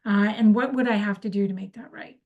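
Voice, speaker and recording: A woman's voice: mid-range voice, fairly even intonation, a little fast, highs cut off. A woman giving an informal instructional talk on workplace conflict, conversational, with many fillers and restarts. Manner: acts out sample apologies in quoted speech.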